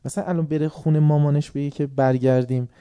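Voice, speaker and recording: A middle-aged man from Tehran giving a sermon to a live audience. He keeps asking the audience questions and moves between quiet musing and sudden loud bursts. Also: fairly high pitch, steady tone, clean tone. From Tehran, Iran. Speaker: religious lecturer.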